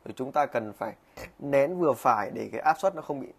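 A man's voice: mid-range voice, expressive, quick pace, husky. A man casually demonstrating a coffee maker at his desk, talking with lots of fillers and restarts. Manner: chatty, frequent fillers and restarts. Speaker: product reviewer. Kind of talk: casual product demo vlog. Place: small room at a desk.

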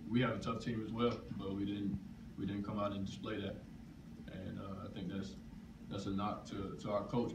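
Young man, college player, monotone, low voice, distant mic, noisy echoey room. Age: young adult. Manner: low-key, halting with fillers. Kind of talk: post-game press conference. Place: press room, seated at a table. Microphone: table microphone.

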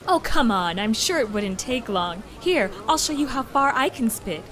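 Actress as vain young socialite, comedy skit, huffy, dramatic, highish voice, swinging intonation. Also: female voice, expressive, moderate pace, background noise, natural voice. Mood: eager.

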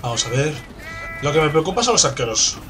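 A man with a Spanish accent from Spain, commentating a game he is playing, excitable and swearing, with sudden loud outbursts. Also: on the high side, fairly quick, background noise. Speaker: gameplay commentator. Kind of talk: let's play commentary. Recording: game music in background.

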